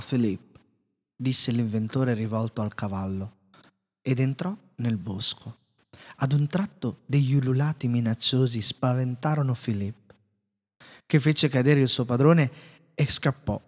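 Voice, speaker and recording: A man narrating a storybook in a calm, measured way. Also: medium pitch. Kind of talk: storybook reading. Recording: reverberant room.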